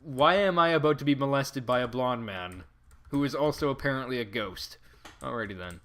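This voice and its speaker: A man's voice: mid-range voice, normal speed, fairly bright tone. A man giving casual first-look game commentary in a wry manner, with quaint, old-fashioned turns of phrase. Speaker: gameplay commentator. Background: game music.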